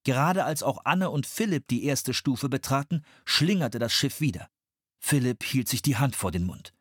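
A male audiobook narrator tells a storm at sea with expressive storytelling. His voice is a little husky and moves through a lively pitch range. The close studio recording is dry. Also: normal speed, dry recording.

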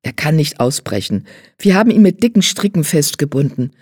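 A woman voicing a kind, calm male riding teacher in an audiobook, speaking low and gently. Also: a little fast, husky, no room sound, clean studio sound, heavily acted. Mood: soothing.

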